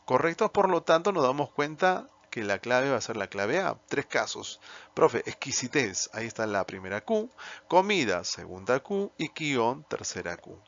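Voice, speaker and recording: A man's voice: mid-range voice, big pitch swings, moderate pace, vocal fry, fairly bright tone. A man with a Peruvian Spanish accent, teaching an exam answer key in a lesson and often putting rhetorical questions to himself. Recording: dull, slightly lo-fi dry sound.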